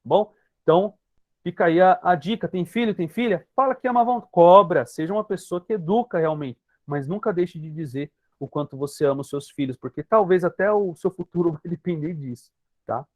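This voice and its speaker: High-voiced Brazilian man teaching a group. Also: fairly quick, dry recording. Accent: Brazilian Portuguese. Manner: emphatic, addresses listeners directly and repeats key points. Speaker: hypnotherapist. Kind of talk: teaching talk to an online group session.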